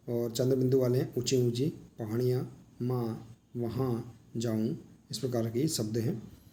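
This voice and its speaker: Mellow-voiced man teaching a lesson. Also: medium pitch. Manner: explains patiently, often saying "देखिए" while pointing to examples. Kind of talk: workbook lesson walkthrough.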